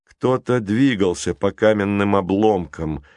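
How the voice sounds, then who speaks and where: Low-voiced man narrating a storybook. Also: darkish tone, dry recording, clean studio sound. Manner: measured, dramatic reading. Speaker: audiobook narrator.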